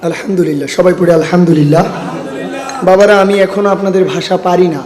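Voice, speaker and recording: Preaching to a large gathering, a man from Sylhet, Bangladesh speaks briskly in a high-pitched, steady voice that sounds strained in the throat. He rouses the crowd, calls for their responses, and jokes with them. Long hall reverb fills the recording.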